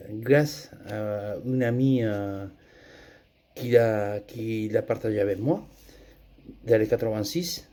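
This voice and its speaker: Slow-speaking Spanish-accented man, hesitant. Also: fairly low pitch, creaky, dark tone. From Andalusia, Spain. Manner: hesitant, many fillers and restarts. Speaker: testimony giver. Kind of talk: personal spoken testimony.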